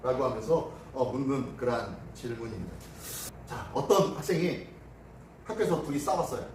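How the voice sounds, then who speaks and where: A man's voice: mid-range voice, normal speed, slight background noise. A middle-aged male pastor preaching a sermon, telling stories and acting out the dialogue. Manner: animated storytelling, acting out dialogue. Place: church sanctuary. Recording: distant mic in echoey church hall.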